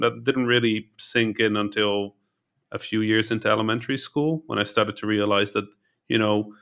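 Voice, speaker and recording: A man's voice: lowish voice, a bit bright. A man from the Netherlands, a podcast guest, talking in a reflective way, thinking aloud and often adding tag questions. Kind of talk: casual interview chat.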